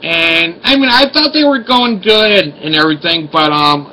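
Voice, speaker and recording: A man's voice: a little high, lively intonation, moderate pace, bright, forceful tone, a little hiss or hum. A man, talking with a slight lisp after oral surgery. He rambles apologetically with many fillers and restarts, first as a casual vlog and then on a phone call. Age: 40s. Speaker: vlogger.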